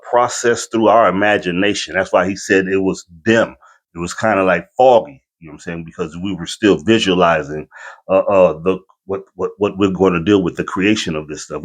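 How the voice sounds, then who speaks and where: A man hosting a reaction video, giving casual spiritual commentary and explaining things familiarly to his viewers. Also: deep voice.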